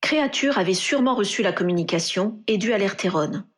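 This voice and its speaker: A woman reading a fan fiction story aloud in a steady narrating voice. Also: medium pitch, a little fast. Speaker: reader.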